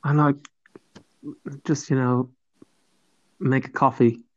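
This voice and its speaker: Slow-talking Kiwi man in a roomy space. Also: mid-range voice, flat delivery, darkish tone. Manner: jokey, acts out little quotes. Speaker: podcast co-host. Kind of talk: casual banter. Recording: roomy, slightly muffled sound.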